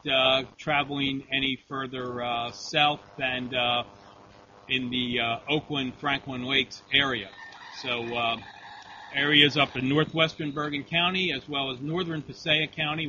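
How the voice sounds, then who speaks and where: A man's voice: mid-range voice, sharp tone. A man acting as net control operator on an amateur radio storm net, speaking in formal, procedural radio phrasing. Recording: dull lo-fi radio audio, faint hum.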